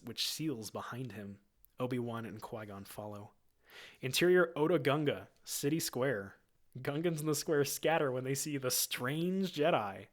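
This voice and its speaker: A man reading screenplay stage directions aloud in a plain amateur way, now and then breaking off to comment. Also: medium pitch. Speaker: reader.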